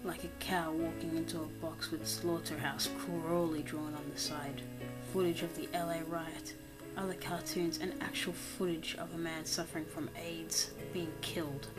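A woman narrating a creepypasta horror story in a steady reading voice, going quiet and slow for the grim parts. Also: sits low, poor audio. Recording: narration over loud background music.

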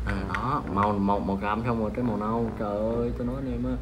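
A man's voice: on the low side, fairly even intonation, very fast, background noise. A man hosting a casual prank vlog, talking chattily and straight to his viewers. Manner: chatty, addresses viewers directly. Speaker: vlogger.

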